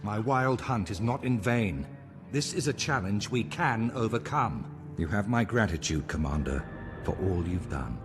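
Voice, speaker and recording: A male actor with a lowish, expressive voice plays a solemn, scholarly plant-folk marshal in a video game cutscene. He speaks in an earnest, formal, measured manner full of resolve, with loud game music under his voice.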